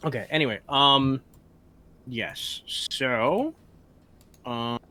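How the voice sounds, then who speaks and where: A podcast co-host on a live stream, playful with dry jokes and quick laughs. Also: mid-range voice, pushed and bright. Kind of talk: casual live-stream chat.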